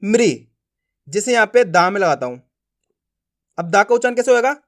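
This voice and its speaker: A man teaching beginners to read, speaking with friendly classroom prompts and slow, drawn-out syllables. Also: sits high, lively intonation, fairly bright tone. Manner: slow drilled pronunciation, repeated prompts to learners. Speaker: Hindi reading teacher. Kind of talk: classroom-style lesson.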